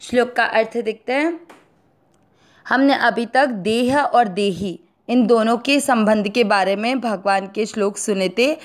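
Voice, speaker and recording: An Indian woman teaching Sanskrit pronunciation, breaking words into syllables and then chanting each verse slowly. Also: on the high side. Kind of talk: slow syllable-by-syllable recitation lesson.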